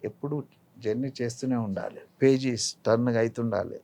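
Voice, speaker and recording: This interviewed actor, an older Telangana man, has a mellow, medium-pitched voice with fairly even intonation and a slightly quick pace. His Telangana Telugu-accented talk is reflective and didactic, full of anecdotes, advice, and examples.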